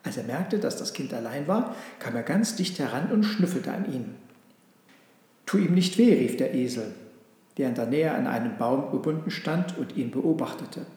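A man narrating a storybook aloud in a calm, measured reading. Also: mid-range voice. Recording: very echoey room with long reverb.

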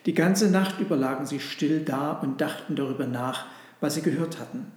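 Male storybook narrator, calm and even, slightly high voice, roomy echo. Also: moderate pace. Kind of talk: storybook read-aloud narration.

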